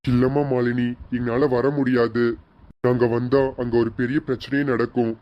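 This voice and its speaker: An actor playing a gentle husband and elder brother who speaks softly and consolingly. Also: male voice, medium pitch, little pitch movement, moderate pace, dull audio, natural voice. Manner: soft, consoling. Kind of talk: TV serial acting.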